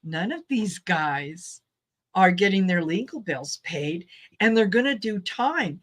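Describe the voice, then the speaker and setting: Female host, unhurried chatty delivery, tarot reading show. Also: fairly low pitch, animated. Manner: slow, chatty, acts out quoted voices. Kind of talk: casual chat reading tarot cards.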